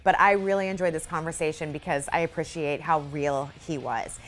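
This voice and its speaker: A woman in her thirties hosting a sports TV show, upbeat and quick, interviewing a guest and signing off. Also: low-pitched. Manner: upbeat, quick, laughs easily. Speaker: sports TV host.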